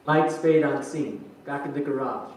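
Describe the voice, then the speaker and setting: A man's voice: medium pitch, normal speed, a little mellow, lightly acted. A man narrating stage directions for a staged play reading in scripted delivery. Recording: echoey hall, distant mic, faint noise.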